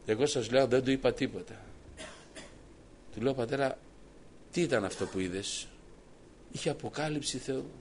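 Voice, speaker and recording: A preacher with a mid-range voice shares a personal story with his congregation as sermon testimony, quoting the dialogue at length and pausing often. Slight background noise is present.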